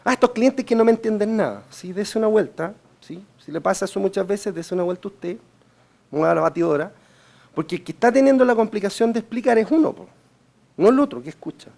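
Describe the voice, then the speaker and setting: A man's voice: high-pitched, fairly quick, vocal fry, a little mellow. Chilean man giving a sales seminar. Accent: Chilean Spanish. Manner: checks in with listeners by asking "right?"; coaching, direct advice to the audience. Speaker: sales trainer giving a talk. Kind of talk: seminar lecture.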